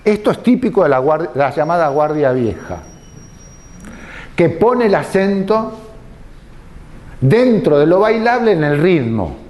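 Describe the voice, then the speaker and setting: A man lecturing at an unhurried, measured pace. His fairly high voice rises and falls widely as he explains, stopping to pose rhetorical questions before answering them himself. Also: sing-song, a little mellow, slight background noise. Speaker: tango lecturer.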